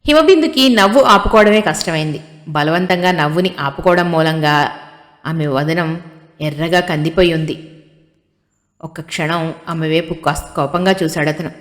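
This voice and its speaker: A woman narrating an audiobook story in a steady, storytelling manner. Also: sits low, moderate pace. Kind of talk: scripted narration. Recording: long hall reverb.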